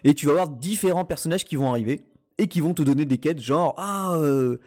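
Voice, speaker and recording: A man's voice: fairly high pitch, quick pace, dark tone. A man chatting casually about a video game, rambling with many hesitations and restarts. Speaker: podcast host reviewing a video game. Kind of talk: casual chat.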